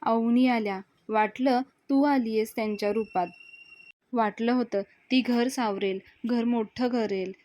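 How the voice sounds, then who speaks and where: A woman's voice: a little high, steady tone, a little slow, close to an everyday voice. Woman reading a tearful grieving young man. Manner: tearful, soft.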